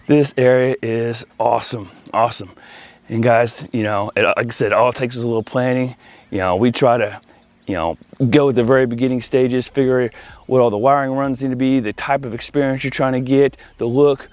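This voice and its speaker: In a casual vlog shot outdoors in a backyard by a pool, an audio-video installer eagerly walks viewers through his project and speaks to them informally. His voice is medium-pitched and darkish, with no echo.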